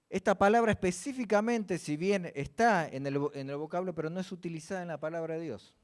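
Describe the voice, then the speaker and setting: A man's voice: fairly high pitch, a little mellow, clean tone. A man preaching a church sermon, often asking the congregation questions and answering them himself.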